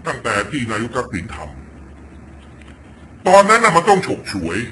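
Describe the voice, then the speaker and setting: A man's voice: fairly high pitch, very animated, measured pace, noisy background. A man from Thailand ranting through a political commentary clip, blunt and crude, swearing often as he talks. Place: home in Virginia.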